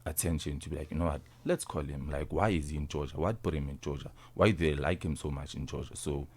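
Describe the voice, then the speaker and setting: A fast-talking young rugby player, nineteen and South African, answers an interviewer's questions in a rumbling low voice. His manner is informal: he repeats and rephrases and often throws in "you see."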